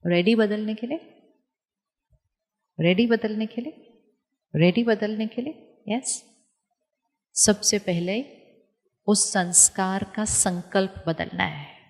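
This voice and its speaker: A woman giving a calm spiritual talk to an audience, teaching step by step with rhetorical questions and repetition. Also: mid-range voice, slow, pauses often. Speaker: spiritual speaker. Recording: long hall reverb.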